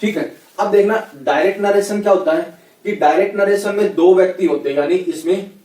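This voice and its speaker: A man's voice: high-pitched, fairly quick, a little mellow. A man with a Rajasthani Hindi accent teaching English grammar in a casual classroom lecture, chatty and constantly checking in with "okay, right?". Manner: chatty, repeats "ठीक है, है ना" constantly. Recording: echoey room, voice a bit far from the mic.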